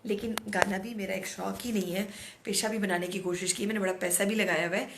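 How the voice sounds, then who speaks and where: A middle-aged woman host with a hoarse throat, talking outspokenly in a casual monologue and mixing in English words. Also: medium pitch, fairly quick, background noise. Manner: outspoken, animated, mixes English words into Urdu. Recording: echoey room, no proper mic.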